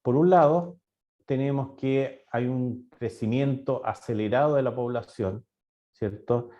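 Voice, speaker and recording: Speaking a little slowly in a warm, medium-pitched voice, a middle-aged man from Chile presents a webinar as a university director, stumbling through many fillers and restarts. The sound comes through a video call as dull, lo-fi audio.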